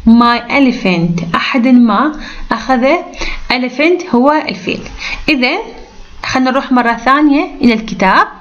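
Woman, Iraqi Arabic accent, English teacher, higher-pitched voice, slow careful reading, muffled lo-fi sound. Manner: reads English lines slowly and carefully, then translates into Arabic. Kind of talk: textbook lesson explanation.

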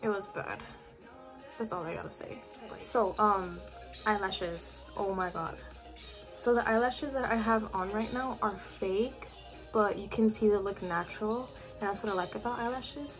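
A woman's voice: medium pitch, measured pace, over music. A teenage girl chatting casually to her webcam in her bedroom, full of "like" fillers. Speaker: vlogger. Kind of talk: casual chat to camera. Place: bedroom at home.

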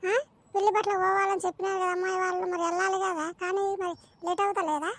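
A woman's voice: very high voice, flat delivery, a bit bright. A woman voicing a fussy, scolding village mother in a cartoon. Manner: nagging, fretful, quick scolding. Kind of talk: cartoon voice acting.

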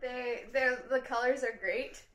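A woman's voice: high-pitched, steady tone, measured pace, fairly bright tone. A woman making teasing, giggly side comments during a casual unboxing chat. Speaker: co-host chiming in. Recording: echoey room.

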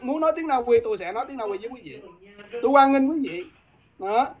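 A woman speaks quickly, pressing her points in a heated, combative flow. Her voice sits a little high, and she keeps challenging her listeners with repeated, pointed questions. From Vietnam. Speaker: guest. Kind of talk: heated political talk.

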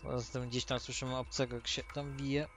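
A man's voice: medium pitch, flat delivery, brisk, fairly bright tone, soft background music. A tipsy man giving rambling, casual commentary as he hosts a let's-play. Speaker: gaming video host. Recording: noisy, with game ambience behind. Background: video game ambience.

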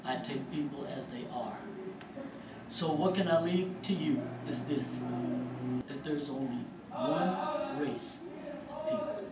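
A man telling his life story to an audience, animated and acting out voices. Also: a little high, takes it slowly, heavy background noise. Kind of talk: personal testimony to an audience. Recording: echoey hall, mic from far off.

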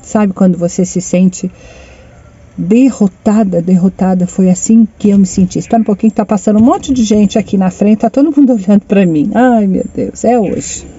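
A woman's voice: medium pitch, quick pace, few pauses, dark tone, breathy edge, dull audio. A middle-aged woman telling a personal story to her phone camera from inside a parked car, chatty and repeating her phrases as she fondly addresses her viewers. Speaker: vlogger.

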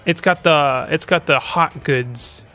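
Man, let's play commentary, rambling and chatty, higher voice, faint game music behind. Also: takes it slowly, sharp tone. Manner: rambling, chatty, stumbling restarts. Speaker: gaming channel host.

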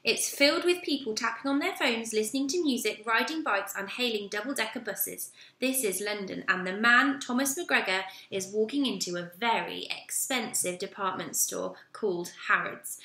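A woman reads a children's storybook aloud in a lively, expressive way. Her voice is fairly high and bright. The recording has a roomy echo around it. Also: normal speed, hardly any pauses.

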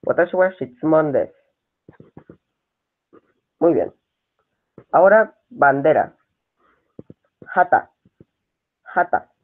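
A man runs a live-streamed language lesson in a slightly high voice, talking slowly and spelling words out one letter at a time. His voice comes through thin and narrow, like a phone line. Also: lively intonation. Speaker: Japanese language teacher. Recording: tinny phone-like sound.

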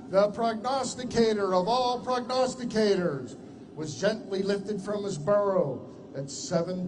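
An older man declaiming a proclamation loudly and theatrically in drawn-out phrases, in the manner of a town crier. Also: sits high. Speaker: ceremony announcer reading a proclamation. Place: outdoor stage before a crowd. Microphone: headset. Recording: noisy live outdoor event sound.

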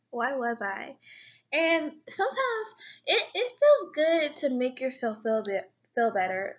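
A woman's voice: fairly high pitch, a bit bright. A young woman vlogger talking earnestly and rambling to camera about self-acceptance, near tears at times. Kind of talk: personal talk to camera.

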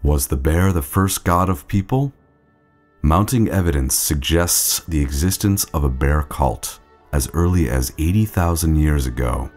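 A man's voice: extremely low pitch, a little slow, a little mellow, soft background music. A man narrating a nature documentary from a script.

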